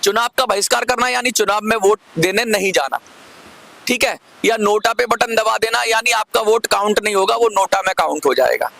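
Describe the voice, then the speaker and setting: A man's voice: sits high, brisk, creaky, bright, forceful tone, soft background music. A man speaking straight to his viewers about a pension scheme, arguing point by point and asking rhetorical questions. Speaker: commentator on pension issues. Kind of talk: monologue addressing viewers.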